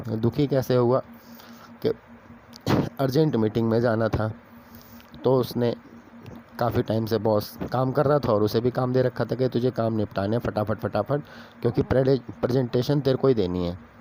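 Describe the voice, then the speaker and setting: A man's voice: mid-range voice, moderate pace, long pauses, warm tone, slight background noise. A man casually telling an office story aloud, acting out the characters' dialogue in a chatty way. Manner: chatty, acts out dialogue with raised voice.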